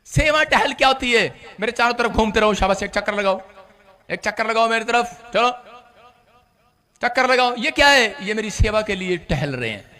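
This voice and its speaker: A man preaching a sermon as pastor, swinging from loud shouts to hushed storytelling, with a congregation around him. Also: high-pitched, animated, normal speed.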